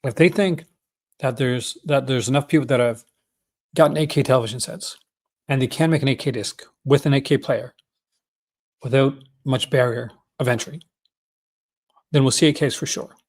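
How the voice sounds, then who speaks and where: A man's voice: mid-range voice, normal speed, pauses often. A man with a Newfoundland accent chatting casually and off the cuff as a vlog host, folksy and enthusiastic. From Newfoundland, Canada. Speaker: host of a movie-collecting vlog. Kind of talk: casual unscripted chat.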